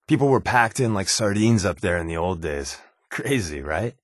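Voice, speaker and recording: Voicing a wry, sly undercover resistance agent who accompanies the player in a video game, this man delivers scripted conversational dialogue in a casual, glib, sardonic way, joking and sardonic in mood. His voice is low, with lively intonation at a moderate pace, recorded in clean studio sound without room reverb.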